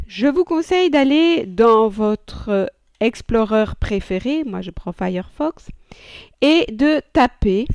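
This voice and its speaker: A woman talks students through a computer setup in an easygoing, joking way, pausing to think aloud. Her delivery is slow and unhurried. The sound is dry and close, with no room around her. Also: a little high, darkish tone, no echo. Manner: chatty, thinking aloud with fillers and little jokes. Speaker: teacher. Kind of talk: screen-recorded software tutorial.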